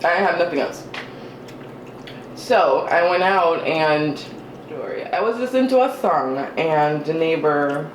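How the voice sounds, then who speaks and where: An unhurried vlogger chats in a self-deprecating way while eating, with chewing sounds and hums between remarks. The voice sits at a middle pitch. The recording is roomy, with faint ambient noise behind it. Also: animated. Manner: eats while talking, with chewing and mm-hmm sounds. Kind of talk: casual eating vlog chat.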